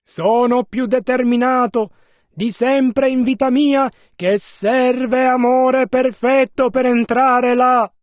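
A male interpreter carries a preacher's sermon over phrase by phrase with measured care. His voice is very high for a man, he speaks slowly, and the sound is close and dry. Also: fairly even intonation, dry recording. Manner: measured, careful phrase-by-phrase rendering.

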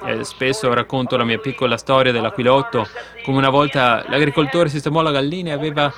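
A man's voice: medium pitch, flat delivery, a little fast. A man preaching a sermon to a congregation, speaking fervently and swelling into emphatic outbursts.

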